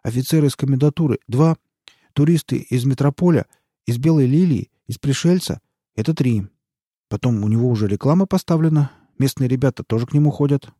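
A man's voice: mid-range voice, brisk, dark tone, no room sound, studio quality, voice pushed up, close to an everyday voice. A man reading aloud and voicing a fawning, frightened male snitch who pleads and wheedles in folksy slang. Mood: wheedling.

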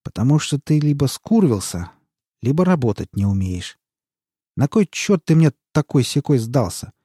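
A man reading aloud and voicing a brutal, hot-tempered male boss who hisses and shouts threats at an underling. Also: medium pitch, sing-song, moderate pace, husky, dry recording, studio quality, pitched above the performer's own voice. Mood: menacing. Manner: harsh, shouting threats, hissing.

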